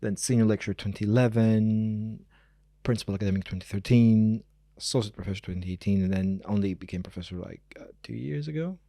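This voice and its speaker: A Greek professor in his 40s, appearing as an interview guest, speaks casually and wanders off on tangents, repeating points for emphasis. His voice sits lowish with a creaky, dark tone, and he talks a little fast. The studio-quality recording has no echo.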